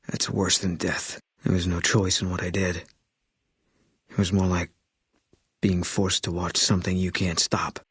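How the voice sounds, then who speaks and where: This is video game dialogue from a haunted ex-soldier turned sniper, a man weighed down by his past. His low, husky voice sounds dry and close, in a dry recording. Each line is terse, clipped and grim.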